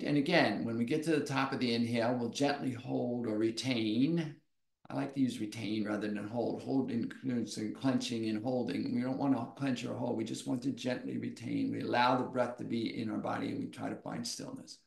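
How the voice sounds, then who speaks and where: A man teaching a yoga class, guiding breathwork in slow, soft, inviting phrases. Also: mid-range voice, vocal fry, echoey room. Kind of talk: guided yoga breathwork instruction.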